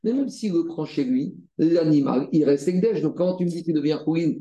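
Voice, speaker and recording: A man leads a Talmud study lesson. His voice sits a little high and sounds mellow, and he works through the text step by step with repeated phrases and rhetorical questions. The sound carries a noticeable room echo. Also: a little fast, highs cut off. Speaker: Talmud teacher. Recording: roomy echo.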